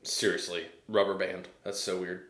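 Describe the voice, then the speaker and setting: A deep-voiced American man gives a casual tasting review. He talks hesitantly, working out his thoughts as he goes. The sound is roomy, with noticeable echo. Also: flat delivery, normal speed, fairly bright tone. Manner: hesitant, thinking aloud. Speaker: whiskey reviewer.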